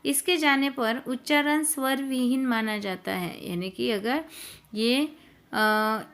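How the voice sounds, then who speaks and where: A woman's voice: on the high side, slow, fairly bright tone. A woman teacher, giving a grammar lesson and explaining step by step. She asks each point as a question, then answers it herself.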